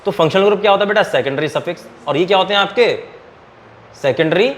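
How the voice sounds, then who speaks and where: Male chemistry tutor, classroom lecture, slightly raised pitch, quizzing students, quiet background noise. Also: fast talker. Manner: quizzes students and answers his own questions; calls students "beta". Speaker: chemistry teacher.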